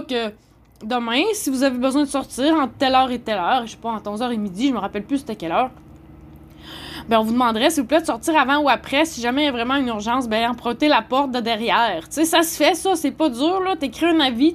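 A woman with a Québécois French accent, a journalist speaking in an indignant, rambling monologue full of "là" and "tu sais". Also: high-pitched. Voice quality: heated, indignant rambling with frequent "là". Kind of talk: casual monologue. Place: homeless shelter.

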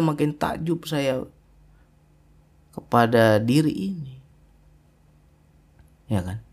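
A man preaching a religious sermon, emphatic and full of rhetorical tag questions, his pitch swinging widely. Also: a little mellow.

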